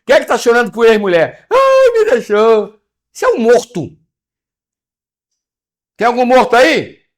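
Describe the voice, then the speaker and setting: A man's voice: very high voice, sing-song, normal speed, long pauses. A man teaching a spiritual study class. He speaks animatedly, firing rhetorical questions and calling on listeners by name. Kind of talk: interactive spiritual lesson.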